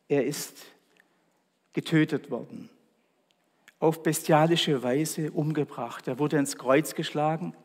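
Solemn man preaching in a reverberant church. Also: fairly high pitch. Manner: solemn, slow and deliberate with weighty pauses. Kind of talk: Good Friday sermon with scripture reading.

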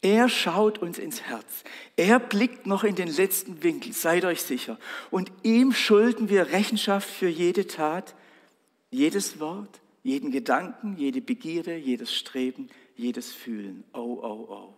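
A male preacher delivers a dramatic sermon, his speech slow and drawn out. His voice sits a little high with a husky edge. A long church reverb trails every phrase. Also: lively intonation. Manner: dramatic, slow and emphatic with swells of loudness.

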